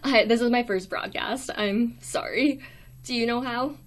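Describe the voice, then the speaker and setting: A woman's voice: a little high, unhurried. A young adult woman from the United States with a weak, thin voice, hosting a casual livestream in a hesitant, apologetic way. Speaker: live stream host. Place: small dorm room.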